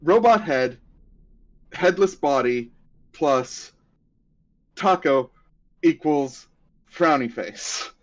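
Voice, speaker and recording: A man's voice: fairly high pitch, expressive, drawn-out words, long pauses. A man narrating a tabletop game as game master, explaining rules with easy laughter. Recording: dull lo-fi audio.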